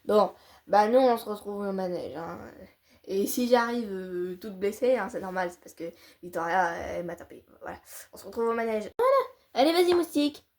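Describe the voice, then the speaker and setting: A woman's voice: medium pitch, normal speed, a little mellow. A woman narrating a horse-stable roleplay in a chatty way, with exasperated asides.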